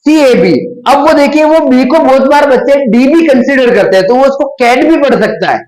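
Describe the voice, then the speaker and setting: A man teaching a phonics lesson, explaining step by step and slowly sounding out letters and words. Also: very high voice, animated, darkish tone, roomy sound, low-quality recording.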